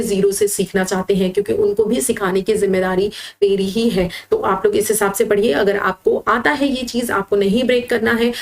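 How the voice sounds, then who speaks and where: A woman teaching vocabulary with slides, patiently explaining and slowly spelling words syllable by syllable. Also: medium pitch. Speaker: English teacher for exam prep. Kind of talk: slide-based lesson.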